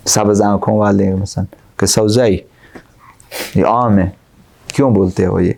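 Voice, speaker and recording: A male cleric delivering a religious lecture in a gravelly, mellow voice. He recites Arabic verses, then explains them with plain, repetitive examples. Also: on the low side, fairly even intonation. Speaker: Islamic cleric.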